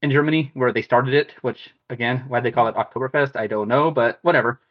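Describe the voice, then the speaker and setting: A man's voice: mid-range voice, quick pace. A man co-hosting a podcast in casual chat, rambling and slangy. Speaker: podcast co-host. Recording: dull lo-fi sound.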